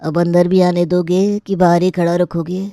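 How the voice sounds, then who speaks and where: A woman's voice: on the low side, little pitch movement, normal speed, mellow, no room sound, studio quality, close to an everyday voice. A woman voicing a grumpy, demanding, middle-aged uncle-in-law in a cartoon, huffy and easily offended. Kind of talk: cartoon voice acting.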